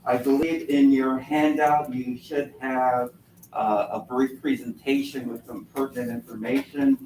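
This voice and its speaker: A man giving a formal, measured presentation at a meeting, his voice slightly muffled as he speaks through a face mask. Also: medium pitch, expressive, vocal fry, a little mellow. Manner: measured, formal, wordy explaining. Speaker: consultant presenting to a school board. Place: indoor board meeting room. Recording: echoey meeting room, distant mic, faint noise.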